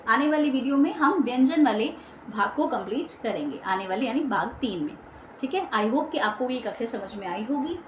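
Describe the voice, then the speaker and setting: A woman's voice: on the high side, lively intonation, normal speed. A woman teaching an online grammar lesson, explaining patiently, checking in with her students often and mixing in English words. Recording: echoey room, faint background hum.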